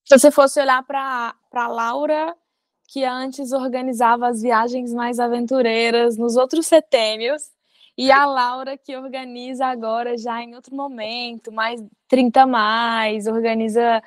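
A woman in her thirties hosting a video-call interview through wired earbuds, curious and quick to laugh. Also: on the high side, flat delivery, no echo. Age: 30s. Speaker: podcast host. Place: living room indoors.

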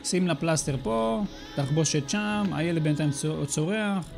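A man's voice: fairly high pitch, gravelly. A man hosting a let's play, giving casual, sarcastic commentary that mocks the game character. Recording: faint game music in the background.

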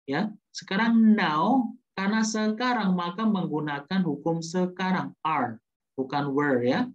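A man teaching English grammar in a lively way. He asks questions and answers them himself, and slows down to repeat example sentences. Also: sits high. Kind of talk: classroom grammar explanation. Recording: muffled lo-fi recording.

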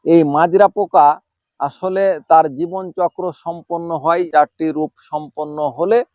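A man, an agricultural extension officer from Bangladesh, explaining farming in a measured way, outdoors in a rice field. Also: fairly high pitch, fairly even intonation, darkish tone, no room sound, dull audio. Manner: measured explanatory talk with fillers.

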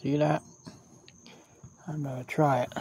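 A man giving casual snack tasting commentary as a vlogger, halting and repetitive as he thinks aloud outdoors. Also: a little high, little pitch movement, creaky, a little mellow, a little hiss or hum. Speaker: food review vlogger. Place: outdoors at a picnic table in a park.

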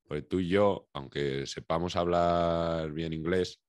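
A young Spanish man with a Spain Spanish accent, co-hosting a podcast in relaxed, slangy casual chat. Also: sits low, takes it slowly, dry recording, clean studio sound. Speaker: podcast co-host.

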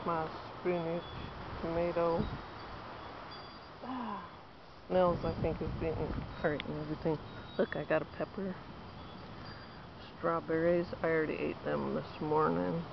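Thirties woman, casual garden-tour vlogger, handheld outdoor camera with dull sound and steady background noise. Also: sits low, a little slow, creaky, long pauses. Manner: chatty, pointing things out while walking. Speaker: home gardener. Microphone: handheld camera at arm's length.

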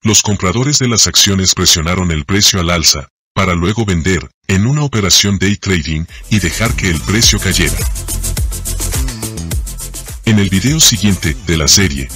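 A middle-aged man giving a measured, scripted narration for a finance lesson. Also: low-pitched, pushed and bright, husky, no room sound, soft background music. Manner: measured, explanatory delivery. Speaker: finance teacher.

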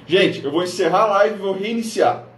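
His voice sits high and a bit bright, at a normal speed, as this Brazilian from northern Paraná hosts a live stream. Facing the camera, he coaches viewers on social media in a direct, upbeat manner, recorded in an echoey room.

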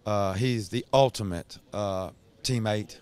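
A man in his sixties, a basketball head coach, giving a halting post-game interview full of restarts and fillers into a handheld mic in an empty indoor arena. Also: fairly low pitch, darkish tone, smooth, no room sound. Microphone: handheld reporter mic.

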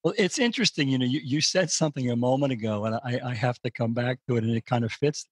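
Older male guest, husky voice, dry sound, reflective and thinking out loud. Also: fast, no room sound. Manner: reflective, thinks aloud, animated rises in pitch. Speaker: podcast guest, strategic advisor. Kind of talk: casual conversation.

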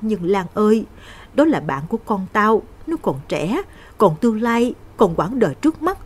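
An earnest older village woman pleading with an old friend, voiced by a woman narrator. Her voice is breathy and lively in pitch. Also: moderate pace.

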